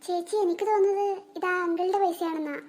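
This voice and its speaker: A woman's voice: extremely high pitch, fairly even intonation, fast, a little mellow. A woman voicing a curious younger girl, a little sister, in a cartoon, eager and inquisitive. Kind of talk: cartoon voice acting.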